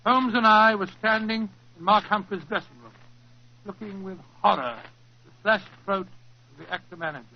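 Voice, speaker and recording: A man's voice: high voice, steady tone, normal speed. A man playing an earnest, fussy English doctor, the loyal companion of a detective, in a 1940s radio drama. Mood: solemn storytelling. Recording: muffled, noisy old 1940s radio recording.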